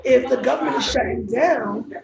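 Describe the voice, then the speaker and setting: Woman w braces talking casual on a live, kinda creaky, echoey with people chattering behind. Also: fairly high pitch, normal speed. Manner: talking with braces, slightly impeded speech. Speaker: restaurant owner, guest. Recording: echoey, dull live stream with crowd chatter.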